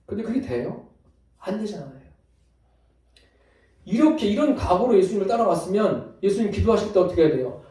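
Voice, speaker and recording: A man delivers a Sunday sermon in a high, mellow voice, acting out the lines he quotes and moving from loud to soft. He sounds far from the microphone in a church hall with heavy echo. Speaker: pastor. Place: church sanctuary. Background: congregation answering amen.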